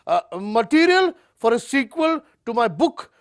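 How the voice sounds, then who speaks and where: Very high-pitched pompous celebrity author. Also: male voice, sing-song, full character voice. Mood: self-important. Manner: pompous, deliberate, self-promoting. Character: pompous, self-important male celebrity author, comic spokesman. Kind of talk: comedy sketch mock interview.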